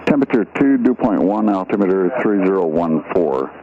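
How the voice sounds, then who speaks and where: A man giving a recorded airport weather broadcast over aircraft radio, in a steady recited readout. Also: low-pitched, fairly quick. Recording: tinny radio transmission with faint hiss.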